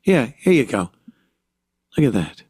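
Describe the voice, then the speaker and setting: A man from the United States hosting a podcast, talking alone in an indignant rant full of halting restarts. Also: medium pitch, big pitch swings, a little mellow, breathy edge, no echo, clean studio sound. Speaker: podcast host. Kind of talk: podcast monologue.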